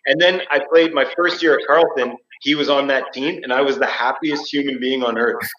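A man of middle pitch chats bluntly about old rivals. His voice comes through a cave-like echo. The microphone sounds dull and muffled. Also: steady tone, fairly quick, a bit bright, a little hiss or hum. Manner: blunt, storytelling. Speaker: former player, podcast co-host. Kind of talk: casual sports chat. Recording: echoey, dull remote mic.

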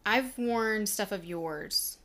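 A woman's voice: mid-range voice, takes it slowly, fairly bright tone. A young woman co-hosting a casual couples podcast, playful and teasing, chatty with lots of fillers. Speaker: podcast co-host.

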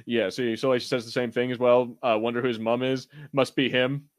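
Mid-range and level in tone, his voice moves fairly quickly, and the studio-quality recording carries no room sound. He co-hosts a podcast, chatting casually with slang, jokes, rambling and some profanity while reviewing a TV show and reading live chat.

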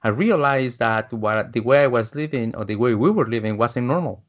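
A man in his fifties from Guatemala speaks at a moderate pace with medium pitch, narrating his life story as a business coach being interviewed. His talk is full of fillers and restarts, captured in dull lo-fi audio.

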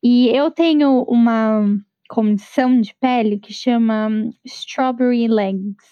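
A woman with a Brazilian Portuguese accent, talking casually on a podcast with expressive, exclamatory reactions. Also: a little high, takes it slowly, no echo. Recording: dull dry lo-fi mic.

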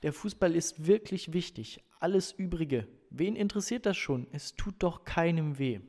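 A man reading aloud, voicing an earnest football coach who stresses his words slowly. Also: mid-range voice, a little mellow, long reverb tail, natural voice. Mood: dismissive. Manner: emphatic, slow stressed words.

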